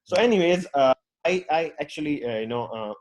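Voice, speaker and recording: Animated and fairly quick, a man with a fairly high, slightly mellow voice addresses an online audience casually as a UX designer. He's from Pakistan, learned English later as his fourth language, and rambles outgoingly with lots of fillers and restarts.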